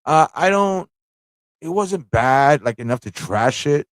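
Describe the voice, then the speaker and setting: As a livestream talk show host chatting with fans, this man speaks in a somewhat high voice, lively yet unhurried. He wanders casually from point to point, often adding rhetorical tag questions, and the sound is dry.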